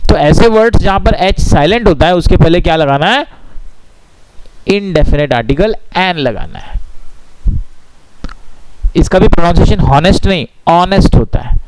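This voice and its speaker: An Indian man teaching a grammar lesson, with a voice sitting a little higher than most men's. He explains patiently, asks himself questions and answers them, and slows right down on the rules. A faint hiss runs under his voice. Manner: reads English rules slowly and deliberately. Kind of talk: explanatory lesson mixing Hindi and English.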